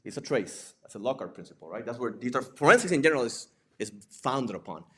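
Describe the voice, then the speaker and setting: Over slight background noise, a fast-talking man with a mid-range, somewhat bright voice and big pitch swings delivers an informal lecture. The presenter, a digital forensics examiner and instructor, comes from Puerto Rico, speaks Spanish natively, and carries a Puerto Rican accent. He keeps things conversational, checking in with rhetorical questions and ending points with "right?".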